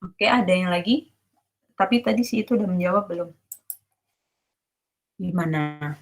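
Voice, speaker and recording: A university lecturer with a fairly low voice and lively intonation teaches an online class casually at a moderate pace. She checks whether students understand and mixes English terms into her speech.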